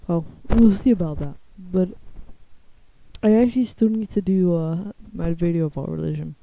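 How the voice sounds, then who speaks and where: A woman's voice: normal speed, gravelly, warm tone, slight background noise. A young woman in a casual, blunt, slangy ramble, her speech slightly lisped by the dental retainers she is wearing. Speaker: video creator. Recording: low-quality muffled microphone.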